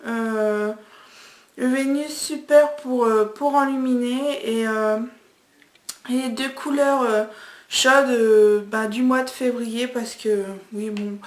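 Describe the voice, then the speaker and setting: A woman's voice: on the high side, steady tone, slow pace, echoey room. A young woman reviewing makeup palettes in a casual vlog, talking hesitantly with many fillers, recorded on a camera mic in a room at home. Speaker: beauty vlogger.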